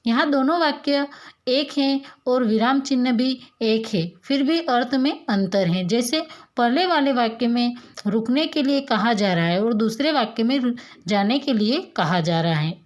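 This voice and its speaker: A woman teacher explaining a grammar lesson to young pupils, patiently posing questions and answering them herself, and reading examples slowly. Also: on the high side. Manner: slow, clear dictation of examples.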